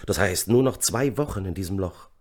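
A man's voice: low voice, lively intonation, fairly quick. A man putting on a gleeful callous soldier. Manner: jeering, cheerful about killing. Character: gleeful callous young male soldier, grinning.

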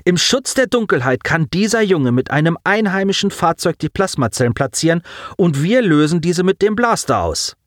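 An ice-cold female starship lieutenant, put on by a male narrator, raising her voice well above his own. She speaks calmly and cuttingly, with sudden lively leaps in pitch. Her lines come from a dry, close audiobook recording. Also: normal speed, no room sound. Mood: forceful. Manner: icy, calm and cutting, with cold laughs.

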